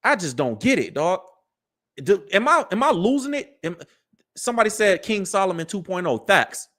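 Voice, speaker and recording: Hosting a live commentary show, a man in his early thirties lectures his audience in a preachy tone, speaking directly to them and using plenty of street slang. His high voice has a sharp edge and big pitch swings at a moderate pace.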